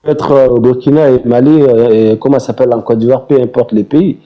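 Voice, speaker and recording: A man's voice: medium pitch, fairly even intonation, brisk, muffled recording. An argumentative man in a heated online debate who presses his points and interrupts others. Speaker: debate participant.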